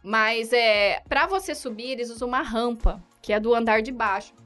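Animated Brazilian woman telling a story. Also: on the high side, normal speed, soft background music. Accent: Brazilian Portuguese. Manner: animated, laughs often, acts out dialogue, frequent tag questions. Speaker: guest telling a travel story. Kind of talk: casual anecdote in conversation.

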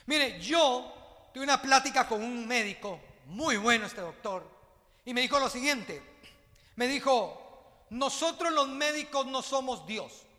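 A man's voice: extremely high pitch, expressive, unhurried, bright, forceful tone, long reverb tail. A man, a pastor preaching a sermon who tells a story and then rouses his church into repeating after him. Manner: storytelling then rousing call-and-response preaching. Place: church hall.

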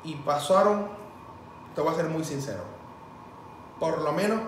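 A man's voice: fairly high pitch, unhurried. A man with a Venezuelan Spanish accent chatting casually, telling stories and acting out the voices of the people in them. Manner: animated storyteller acting out quoted dialogue. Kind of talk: casual chat. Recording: echoey room, far from mic, faint noise.

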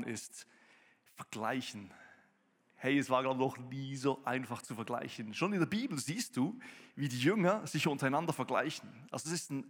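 A man preaching a sermon in a lively, conversational way, getting louder and more excited as he goes. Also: medium pitch. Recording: long reverb of a hall.

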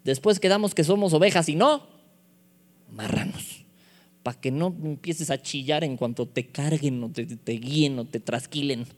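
A man preaches a sermon in a fairly high voice. He keeps it playful, firing off rhetorical questions. The sound carries a long reverb, as in a large hall. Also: normal speed, a little mellow.

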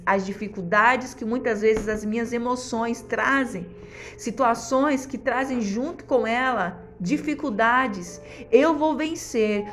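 A woman pastor, preaching a devotional sermon in a fervent, exhorting way with repeated refrains. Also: medium pitch.

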